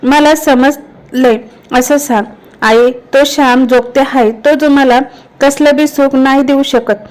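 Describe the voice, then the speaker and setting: A woman's voice: high-pitched, fairly even intonation, slow pace, darkish tone. A woman voicing a tearful young village bride who speaks in rustic village speech. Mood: hurt.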